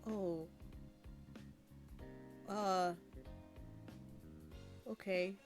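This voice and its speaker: Female tabletop player, medium pitch, informal improvised role-play, faint music underneath. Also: steady tone, very slow.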